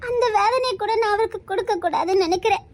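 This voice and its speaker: A woman's voice: extremely high pitch, quick pace. A young woman with a Tirunelveli Tamil accent, speaking in a tearful, pleading way in a homemade drama.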